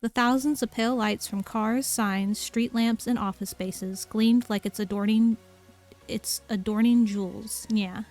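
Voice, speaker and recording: A woman's voice: on the high side, steady tone, unhurried, darkish tone, soft background music. A young woman streamer reading a novel aloud, tacking "yeah" onto nearly every sentence with giggly asides.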